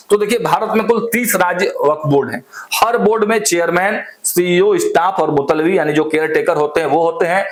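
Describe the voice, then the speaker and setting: Guy with a high voice breaking down political news, talks straight to viewers, echoey room. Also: a bit bright. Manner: explains step by step, addresses viewers directly. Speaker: news commentator. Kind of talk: political analysis commentary.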